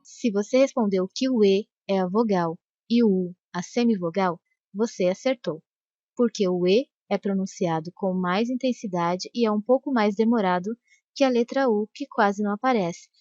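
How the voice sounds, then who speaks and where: Lady teacher, slow careful lesson voice, dry dull lo-fi recording. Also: medium pitch, darkish tone, no room sound. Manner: slow, careful, stretches sample words. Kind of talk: grammar lesson narration.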